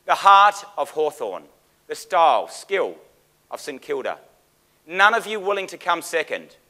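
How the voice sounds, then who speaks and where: Aussie guy doing auctioneer patter, pretty high forceful voice, very formal and dramatic. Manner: formal, oratorical auctioneer delivery with dramatic emphasis. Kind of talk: auctioneer's performance: theatrical sales pitch and bid calling.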